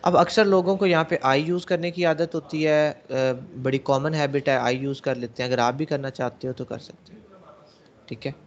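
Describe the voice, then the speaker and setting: A man's voice: a little high, fairly even intonation, moderate pace, lo-fi sound. A male programming teacher giving a classroom lecture, explaining step by step and answering his own questions to the class. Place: classroom with students.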